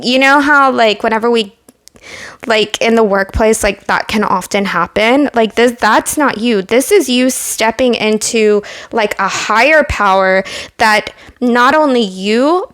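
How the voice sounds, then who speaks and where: A young woman with a fairly high voice talks through a tarot reading to her viewers. She rambles warmly with lots of "like" and "you know," sounding earnest and moved. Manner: chatty, many fillers, emotional and earnest. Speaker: tarot reader. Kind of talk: casual pick-a-card tarot reading.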